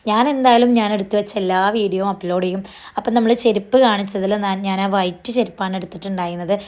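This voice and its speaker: With a medium pitch, fairly even intonation and a slightly mellow tone, the vlogger talks through her shopping haul. She's quick and chatty, tossing in tag particles, her voice still a little strained from losing it.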